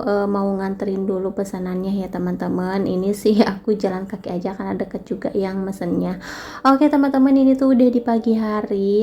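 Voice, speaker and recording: Chatty woman with a mellow voice. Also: muffled recording. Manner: chatty, relaxed, many fillers and tag phrases. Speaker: vlogger. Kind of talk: casual cooking vlog narration. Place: home kitchen. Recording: faint background noise and rumble.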